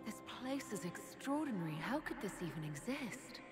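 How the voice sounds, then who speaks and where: An actress playing a composed, decisive fantasy leader in a video game, direct and dryly witty. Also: female voice, a little high, big pitch swings, moderate pace. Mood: curious. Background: faint music.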